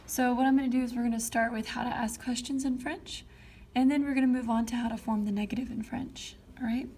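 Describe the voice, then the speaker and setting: A woman teaching a French grammar class in a fairly high voice. She explains each point step by step and keeps checking in with her listeners. A faint noise sits under the recording. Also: fairly even intonation, fast, a little mellow. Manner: explains step by step with frequent check-ins like "okay?".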